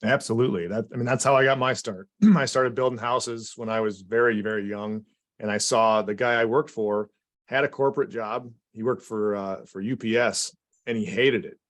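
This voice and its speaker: A man's voice: on the low side, fairly even intonation, normal speed, no room sound, clean studio sound. A man co-hosting a podcast, talking frankly and casually with some mild swearing.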